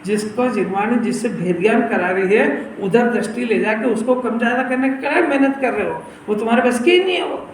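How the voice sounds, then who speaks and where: A man's voice: very high-pitched, a little fast, few pauses, reverberant, slight background noise, rough recording. A man giving a scripture sermon, explaining and often asking his listeners whether they have understood. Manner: explanatory, questioning listeners, lively. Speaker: Jain scripture teacher. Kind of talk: sermon discourse.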